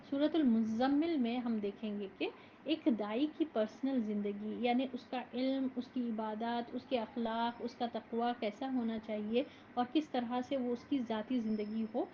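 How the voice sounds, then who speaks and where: A woman teaching a Quran commentary lesson in a measured, explanatory way, mixing in English words. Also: on the high side, slight background noise. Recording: dull lo-fi recording.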